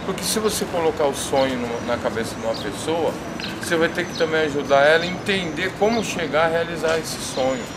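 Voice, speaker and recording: Rich: A man with a slightly raised voice speaks thoughtfully about his experiences, posing questions to the listener. He stands outdoors on a city street, and loud traffic roars behind him. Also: on the high side, brisk. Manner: reflective, asks rhetorical questions. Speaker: interviewee, former shelter resident. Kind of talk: documentary testimony.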